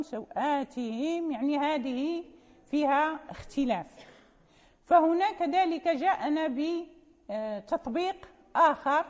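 High-voiced woman teacher in a reverberant hall. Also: a little mellow. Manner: patient, explanatory, repeats key terms and checks understanding. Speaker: teacher of Quranic recitation. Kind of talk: classroom lecture.

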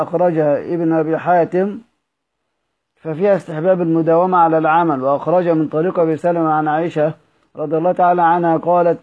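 Higher-voiced man reading a classical text over thin audio. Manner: measured reading, stressing each verse heading, with small restarts. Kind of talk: reading a classical text aloud with brief explanatory asides. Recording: narrow phone-like audio.

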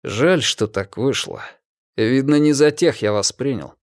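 A man voicing a patient, polite young man who speaks formally and calmly, in an audiobook. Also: mid-range voice, a little slow, no room sound, clean studio sound, natural voice.

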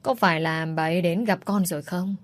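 A woman voicing a protective middle-aged mother who speaks to her daughter in a soft, pleading way in a storybook reading. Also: on the low side, a little fast, close to an everyday voice. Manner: pleading, emotional, soft-spoken.

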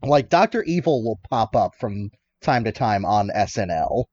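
Husky, animated man on a podcast. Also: fairly low pitch, lo-fi sound. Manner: lively, laughing, quick interjections. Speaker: podcast co-host. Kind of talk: casual film discussion.

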